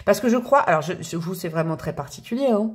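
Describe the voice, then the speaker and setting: A woman giving a casual, chatty tarot reading to her viewers, expressive and laughing often between her thoughts. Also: lowish voice, quick pace. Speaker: tarot card reader.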